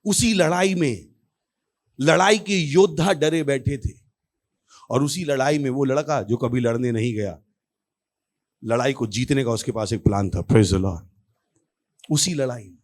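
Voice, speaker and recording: A man preaching as a pastor in an animated sermon, often calling out exclamations to his congregation. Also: medium pitch, measured pace, long pauses. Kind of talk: lively Hindi sermon.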